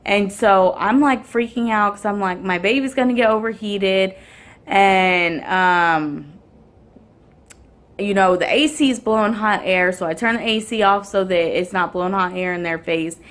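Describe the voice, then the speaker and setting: A woman's voice: mid-range voice, unhurried, a bit bright. A woman, casually telling a story to the camera, rambling with many ums and restarts. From Houston area, Texas. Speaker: vlogger and mother.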